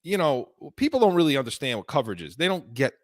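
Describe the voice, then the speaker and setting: A man's voice: mid-range voice, sing-song, fast, no echo, studio quality. A man co-hosting a sports podcast, talking heatedly about football and breaking off and restarting his sentences, his voice worn from illness. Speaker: podcast co-host.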